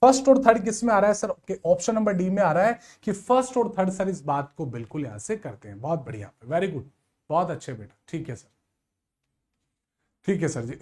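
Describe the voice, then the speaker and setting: A man's voice: high voice, brisk. A young man teaching a live online exam coaching class, explaining reasoning problems step by step and quizzing his students with rhetorical questions. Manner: lively, addresses students as sir, beta and bhaiya, rhetorical questions.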